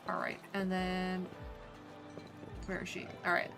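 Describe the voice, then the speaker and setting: A woman's voice: on the low side, monotone, measured pace, creaky, over music. Sleepy, chatty Irish woman streamer. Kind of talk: casual game stream chat.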